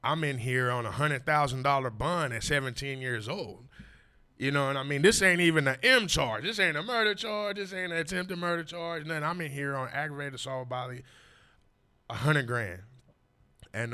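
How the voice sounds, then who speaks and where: Bright and forceful, with a clean tone, a man's mid-range voice carries his story as a podcast guest. In his forties, he talks casually and emphatically, repeating street slang and often saying "you know what I mean".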